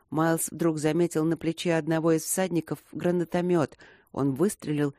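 A man narrating an audiobook in a measured way, slowing down at tense moments. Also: fairly high pitch, a little mellow, dry recording, clean studio sound. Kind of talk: scripted narration.

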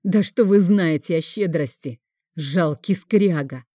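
Lady doing a bitter grieving guy, biting sarcasm, dark low voice, audiobook. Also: slow pace, no echo, studio quality.

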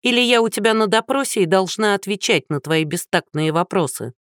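A woman's voice: medium pitch, lively intonation, brisk, dry recording, clean studio sound, pitched above the performer's own voice, natural voice. A narrator voicing a haughty, short-tempered actress in her thirties who talks down sharply. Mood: indignant. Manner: sharp, condescending.

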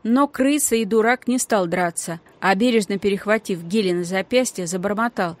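A woman narrating a children's book aloud in an expressive, lively reading style. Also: mid-range voice, moderate pace. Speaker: audiobook narrator. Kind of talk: scripted storybook narration.

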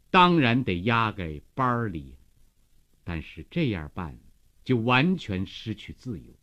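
A man, reading a novel aloud as a radio storyteller, emphatic and dramatic, moving between hushed and loud declamation. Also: mid-range voice. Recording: slightly muffled radio broadcast.

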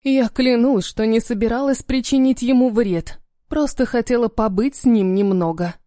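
A woman's voice: fairly high pitch, normal speed, mellow, dry recording, studio quality, natural voice. A woman voicing a frightened young wife who pleads in a trembling voice. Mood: pleading.

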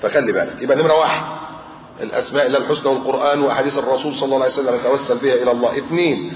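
A man preaching with an Egyptian Arabic accent, telling stories in a lively colloquial sermon and asking and answering his own questions. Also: medium pitch, rapid-fire, a little hiss or hum. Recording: roomy, dull lo-fi recording.

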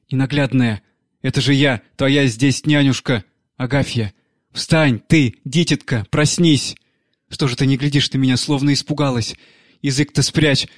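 A man's voice: mid-range voice, fairly even intonation, a little slow, no echo, natural voice. Guy putting on a crazy old nanny, wailing and frantic, dry close sound. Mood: frantic pleading. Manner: raised, frantic, wailing pleas. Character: crazed old nanny, grieving and murderous.

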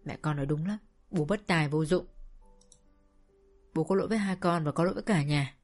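A woman reading a father who blames himself, in a low, choked voice over soft music. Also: a little fast. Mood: remorseful, tearful. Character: remorseful poor father, middle-aged man.

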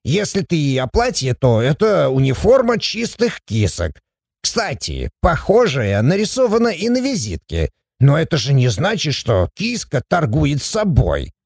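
A man's voice: measured pace, creaky, husky, dry recording, clean studio sound, exaggerated voice. A man voicing a playful, sly shaggy male dwarf who teases and chatters in a raised voice. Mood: teasing. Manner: teasing, chattering, high and lively.

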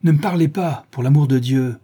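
A man voicing a tormented, haughty young male dandy in an audiobook, breaking into shouted outbursts. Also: a little high, moderate pace, breathy edge, voice pushed up. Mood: frantic.

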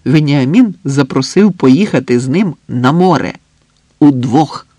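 A lively young woman full of cheeky banter, as a male narrator puts her on in a storybook reading. Her voice lifts high and ringing above his usual tone, bouncy and bossy in a friendly way. The recording is close and dry. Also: unhurried, no room sound, full character voice. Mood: excited. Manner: playful, bubbly, bossy banter.

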